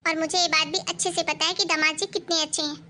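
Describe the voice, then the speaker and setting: A woman voicing a stern but caring middle-aged mother in an animated family story, who lectures and scolds. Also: very high-pitched, fast, slight background noise. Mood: scolding. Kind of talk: animated cartoon voice acting.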